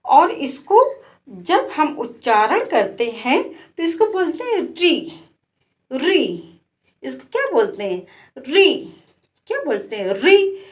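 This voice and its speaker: A woman's voice: high-pitched, big pitch swings, normal speed. A woman with a Hindi accent teaching children to read syllables, repeating each sound and asking it back. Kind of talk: slow classroom lesson with call-and-response drilling.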